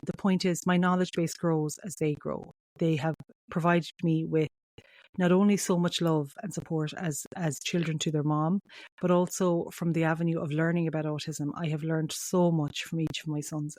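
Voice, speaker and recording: A woman's voice: low-pitched, darkish tone, no room sound. A middle-aged woman with a Mayo accent from the west of Ireland hosts a solo podcast, speaking directly and reassuringly to parents. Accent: Irish, County Mayo in the west of Ireland. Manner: reassuring, addresses listener directly, asks and answers own questions. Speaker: podcast host.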